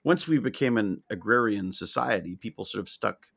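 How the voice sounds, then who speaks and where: A man's voice: fairly low pitch, animated, moderate pace, vocal fry, fairly bright tone. A man co-hosting a casual chat, teasing his co-host and hedging his points. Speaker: podcast co-host. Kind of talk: casual banter.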